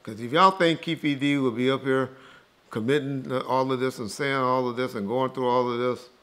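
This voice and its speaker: A man appears as an interview guest rebutting rumors, talking bluntly, casually, and dismissively, swearing freely and repeating himself for emphasis. His voice is medium-pitched and fairly bright, with fairly even intonation at a moderate pace.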